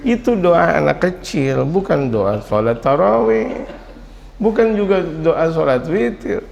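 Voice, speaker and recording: A middle-aged male Islamic preacher giving a lively study sermon, mixing Arabic quotations with casual Indonesian and jumping suddenly in pitch as he tells stories. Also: takes it slowly, gravelly, highs cut off. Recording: long hall reverb.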